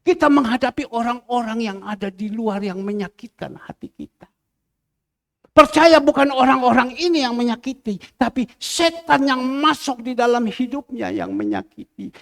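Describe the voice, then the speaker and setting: A male pastor preaching a fervent sermon, swinging from loud cries to quiet asides. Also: very high-pitched, vocal fry, long reverb tail.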